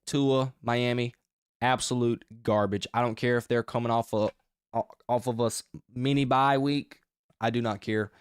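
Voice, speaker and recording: A man hosting his own sports podcast, talking through his game picks in a casual, energetic, rambling way with emphatic outbursts. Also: mid-range voice, normal speed, clear, resonant tone, dry recording, clean studio sound. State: short of breath.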